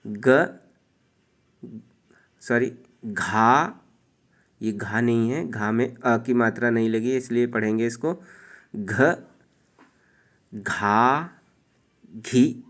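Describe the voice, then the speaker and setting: A man teaching children the alphabet and vowel signs, slowly reading out syllables one by one with patient explanations in between. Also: medium pitch, steady tone. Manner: slow, drawn-out syllables read aloud one by one. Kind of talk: children's Hindi alphabet lesson.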